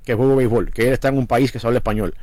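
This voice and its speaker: A man's voice: medium pitch, steady tone, rapid-fire, darkish tone, dry recording. A middle-aged man, a pastor from Cuba, hosting a radio talk show and making his points emphatically, repeating them like a sermon. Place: radio studio.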